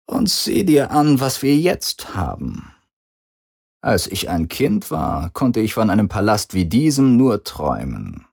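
Guy voicing a creepy quiet controlling dad, low husky murmur, slow and cold, storybook villain. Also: huge pitch swings, full character voice. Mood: proud. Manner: soft-spoken and threatening. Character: cold, possessive, menacing middle-aged father.

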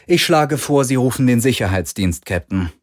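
Man doing a sly young thief girl, soft melodic voice, raised high, haughty, storybook. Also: very animated, fairly quick. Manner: feigned innocence, bored.

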